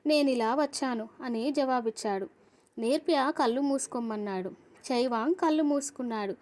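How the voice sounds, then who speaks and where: A woman with a slightly high voice reads a folk tale aloud as an audiobook storyteller. She speaks to her listeners as friends, in an easy, friendly storytelling manner. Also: normal speed, darkish tone.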